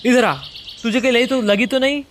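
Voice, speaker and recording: A man's voice: very high voice, steady tone, brisk, a bit bright, slight background noise. A man voicing a protective, hot-headed young male climber from a manga, scolding with urgency.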